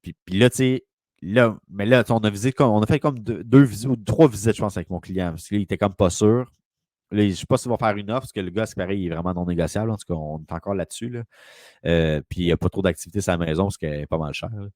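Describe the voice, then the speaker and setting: A man's voice: on the low side, fast, darkish tone, dry recording, studio quality. A man with a Quebec French accent, a real estate broker telling a long rambling story in casual conversation.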